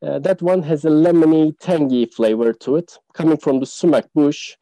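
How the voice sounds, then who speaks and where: A man speaks as a guest on a casual podcast, describing local dishes and pausing often on "uh". His voice is very dark and mellow. The sound is dry and close, with little room in it. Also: on the high side, fairly even intonation, no room sound, muffled recording. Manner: explanatory, many "uh" fillers. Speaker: tour guide guest.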